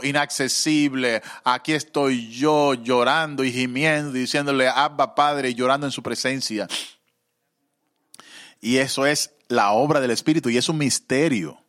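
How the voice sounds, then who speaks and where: Male preacher, mid-pitched voice, fervent sermon delivery with halting fillers. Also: fairly bright tone, clear, resonant tone. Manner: fervent, rising to emotional pleas.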